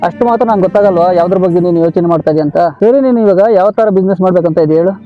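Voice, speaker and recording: A man with a high voice, talking quickly in a persuasive, reassuring way. He sounds like he is in an echoey room. A little music plays behind him. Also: highs cut off. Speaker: visiting uncle from the city. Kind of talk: village comedy short-film acting.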